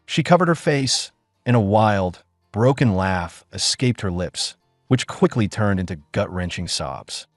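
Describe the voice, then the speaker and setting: A man's voice: on the low side, lively intonation, measured pace, no room sound, clean studio sound, soft background music. A man narrating a dramatic story in a scripted, storytelling reading.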